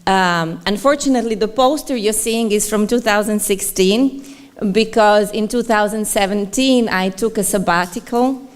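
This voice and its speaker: A woman's voice: medium pitch, moderate pace, clean tone. A woman from Croatia, a festival director giving a chatty, friendly conference presentation with light laughter. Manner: chatty and friendly, laughs often, repeats words for emphasis.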